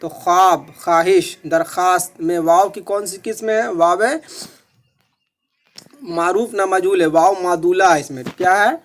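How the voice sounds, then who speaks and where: A man's voice: sits high, measured pace. A man teaching an exam-preparation lesson in a methodical way, repeating each question and its answer.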